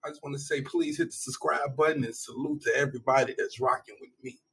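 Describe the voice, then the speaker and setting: A man's voice: medium pitch, steady tone, quick pace, gravelly, fairly bright tone, slightly rough. A man hosting his own podcast, giving a blunt, profane opinion monologue with emphatic repeated phrases. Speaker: podcast host.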